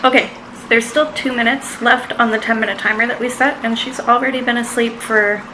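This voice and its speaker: A young woman talks through her day at home for a vlog, her voice sitting a little high. She is matter-of-fact, counting off minutes and times. Steady background noise sits under the camera-mic recording. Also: fairly quick. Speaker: vlogger parent. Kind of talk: casual vlog narration.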